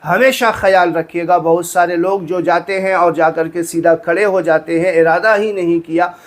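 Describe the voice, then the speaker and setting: A man's voice: sits high, steady tone, normal speed. A man, a religious teacher explaining prayer step by step, earnest and repetitive, often checking that listeners understood. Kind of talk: instructional talk on prayer.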